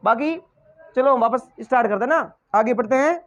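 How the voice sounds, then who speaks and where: A man's voice: extremely high pitch, fairly quick, fairly bright tone, lo-fi sound. A male teacher giving a lesson, quizzing the class with repeated questions and then answering them himself. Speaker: English teacher.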